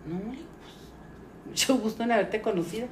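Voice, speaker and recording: A middle-aged woman with a Mexican accent and a fairly high voice appears as a podcast guest, speaking at normal speed. She casually tells a lively story, acting out the voices of its characters, in a roomy recording with faint noise.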